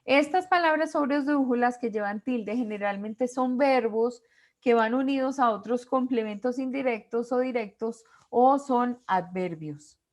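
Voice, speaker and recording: Slow, deliberate woman teacher. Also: on the high side. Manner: slow, deliberate, reads out word lists. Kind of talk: online class lecture.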